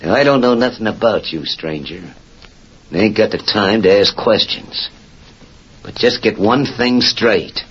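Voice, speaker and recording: An actor playing a gruff, threatening outlaw gang leader in an old radio drama, talking in a drawl. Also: male voice, on the low side, unhurried, fairly bright tone. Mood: menacing. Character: snarling outlaw gang leader, middle-aged man. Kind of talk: 1940s radio acting. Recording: dull lo-fi old radio broadcast with faint hiss.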